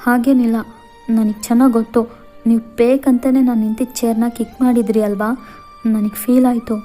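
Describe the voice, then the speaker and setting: A timid young wife who pleads in a high, anxious voice, as a woman puts her on for a storybook-style audio tale. The tone is dark and mellow, with faint music underneath. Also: flat delivery, normal speed, close to an everyday voice. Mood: protesting.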